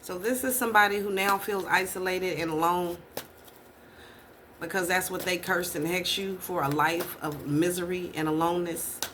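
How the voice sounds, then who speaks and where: A woman's voice: lowish voice, fairly even intonation, normal speed, fairly bright tone, a little hiss or hum. Blunt, profane woman tarot reader. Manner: blunt, profane, repeats rhetorical questions. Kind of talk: casual tarot reading.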